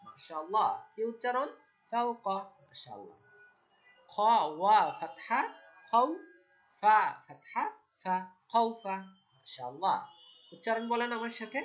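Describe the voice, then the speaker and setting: A woman drills Arabic syllables at a very slow, deliberate pace, sounding out each letter before joining them into words. Her voice sits at a middle pitch. The recording is dull and lo-fi. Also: very animated, faint music behind. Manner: spells out syllables, then asks listeners to repeat. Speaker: Quran recitation teacher.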